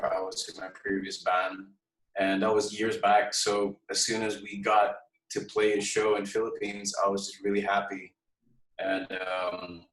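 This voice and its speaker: A man from Hong Kong, a guest musician chatting casually in an interview, relaxed and hesitant with many pauses and fillers. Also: lowish voice. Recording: echoey room, far from mic.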